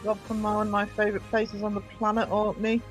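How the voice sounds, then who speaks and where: Her mid-range voice is completely flat and brisk here, while her own quiet tune plays faintly in the background. Chatting casually at a desk mic during a live stream, she greets viewers by name, fills her talk with fillers and restarts, and coughs from hay fever as her voice gives out.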